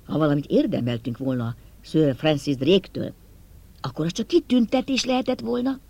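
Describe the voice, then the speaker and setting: A man narrating an audiobook in first person, in a steady, measured storytelling way. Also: fairly high pitch, creaky.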